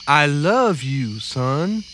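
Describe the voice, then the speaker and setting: An actor playing a gentle, loving father saying good night to his children in a radio drama. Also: medium pitch, big pitch swings, extremely slow, a little hiss or hum, exaggerated voice. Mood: tender. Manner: soft, tender.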